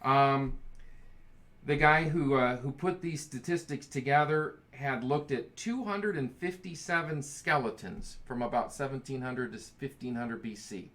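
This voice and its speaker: A man's voice: mid-range voice, unhurried, fairly bright tone. A man leading a casual Bible study, reading scripture aloud with enthusiasm and joking along the way.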